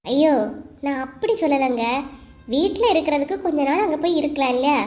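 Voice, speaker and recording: A woman's voice: high voice, fairly quick, soft background music, natural voice. A woman with a Kanyakumari accent voicing an exasperated young wife in a cartoon. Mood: pleading. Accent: Kanyakumari Tamil. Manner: pleading then sharp, scolding.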